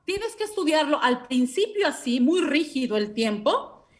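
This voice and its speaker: High-voiced woman coaching a singer. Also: very animated, normal speed. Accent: Mexican Spanish. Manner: patient, uses affectionate diminutives, sings examples. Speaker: voice teacher. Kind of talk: masterclass coaching.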